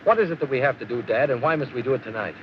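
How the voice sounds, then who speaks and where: An actor playing a bewildered, exasperated young bridegroom, protesting and incredulous in 1940s screwball comedy film banter. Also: male voice, medium pitch, very fast, natural voice. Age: young adult. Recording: muffled, very noisy 1940s film soundtrack with chatter.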